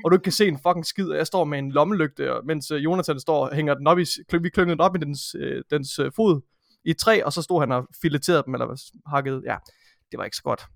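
A man's voice: on the high side, gravelly, dry recording, clean studio sound. A man co-hosting a casual podcast, telling a story in a matter-of-fact way. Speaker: podcast co-host. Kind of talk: casual chat.

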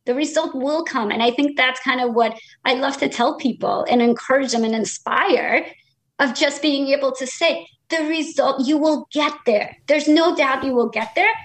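A woman's voice: high voice, normal speed. A woman in her thirties in a casual motivational chat, encouraging listeners and acting out what people tell her. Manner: encouraging, animated, acts out quoted people.

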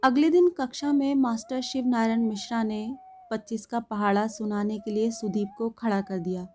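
A woman reading a story aloud in a calm, measured storytelling voice. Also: on the high side. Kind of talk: storytelling narration. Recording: faint background music.

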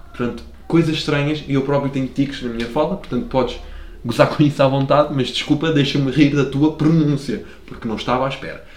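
A man's voice: mid-range voice, a little mellow, roomy sound. A young man from Lisbon with a Lisbon Portuguese accent, chatting on his own podcast in a rambling, slangy, self-deprecating way and swearing freely. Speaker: podcast host. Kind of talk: casual solo podcast monologue. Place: room at home by a window.

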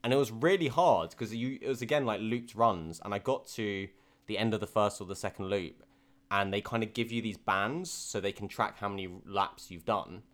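A man's voice: lowish voice, moderate pace. A young man co-hosting a podcast, telling his race stories candidly with lots of fillers and restarts. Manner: candid storytelling, many fillers. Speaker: podcast co-host. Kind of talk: casual podcast chat.

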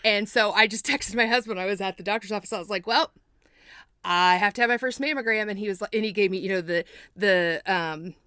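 A woman's voice: mid-range voice, fairly quick, pushed and bright, clear, resonant tone, no room sound, clean studio sound. Chatty, rambling woman in her forties. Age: 40s. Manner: chatty, rambling, self-deprecating with frequent side notes. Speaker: podcast guest. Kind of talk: casual chat.

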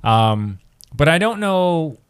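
A man's voice: on the high side, sing-song, slow pace, smooth. Rambling man talking movies. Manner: rambling, many restarts and "like". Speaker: podcast co-host. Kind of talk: casual chat.

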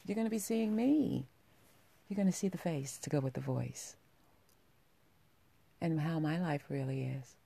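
A woman's voice: sits low, measured pace, gravelly, pauses often, dark tone, slightly rough. A woman with a sultry voice hosting a podcast, speaking intimately and directly to her listeners. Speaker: podcast host.

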